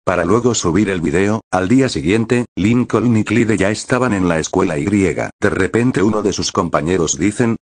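A man reading a fan-written story aloud at a flat, steady pace. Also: sits low, moderate pace, few pauses, slightly rough, dry recording. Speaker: narrator.

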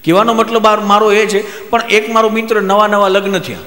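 A man's voice: sits high, fairly quick, echoey room, in a large hall. A man from Gujarat with a Gujarati accent, telling jokes and stories on stage and acting out his friends' lines. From Gujarat, India. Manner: lively joke telling, voices friends in quotes. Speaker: stand-up comedian. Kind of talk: stage comedy storytelling.

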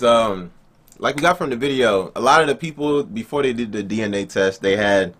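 A man's voice: low-pitched, a bit bright. A young man from Nigeria hosting a reaction video, chatting casually and upbeat, talking straight to his viewers as family, in a small indoor room. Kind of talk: casual chat.

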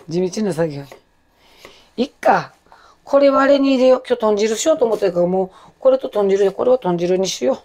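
Loud kansai lady chatting while cooking, kinda rough throat, rambly and self-deprecating. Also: mid-range voice, animated, a little slow, pauses often. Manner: chatty, self-deprecating, jumps between topics. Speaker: cooking vlogger. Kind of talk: casual chat while cooking.

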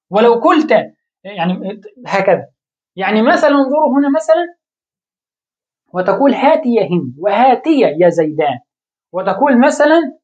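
A woman's voice: a little high, a little mellow. A woman teaching a grammar lesson, explaining step by step and posing questions to her students. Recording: dull lo-fi recording.

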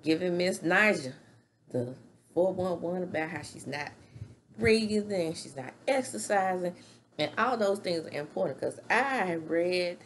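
A middle-aged woman with a lowish voice and lively intonation speaks a little slowly, giving a chatty, opinionated recap of a reality show. She gestures with her hands as she talks from a small room at home, captured by a webcam at desk distance with slight background noise.

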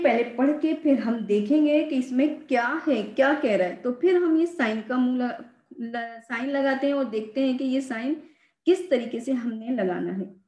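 A woman teacher with a high voice walks young students through a math lesson, slowly and patiently. She repeats the key words and stresses each one. The voice rings in an echoey room. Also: darkish tone.

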